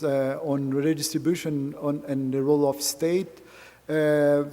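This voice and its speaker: A man speaks in an academic lecture in a slightly high voice. He talks very slowly and haltingly, filling his pauses with many fillers. The room has the long reverb of a lecture hall. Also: dark tone. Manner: slow and hesitant, many fillers.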